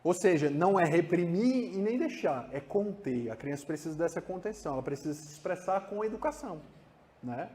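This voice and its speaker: A man with a Brazilian accent giving a psychology lecture, animated and acting out examples, often adding tag questions. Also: high-pitched, fairly quick, slight background noise.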